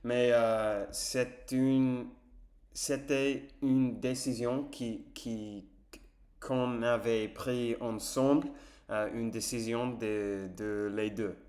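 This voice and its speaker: A man's voice: mid-range voice, steady tone, extremely slow, darkish tone. A man with an English accent, a native English speaker practising French as a vlogger, talking casually and hesitantly with many fillers and self-corrections as he searches for words. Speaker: language-learning vlogger.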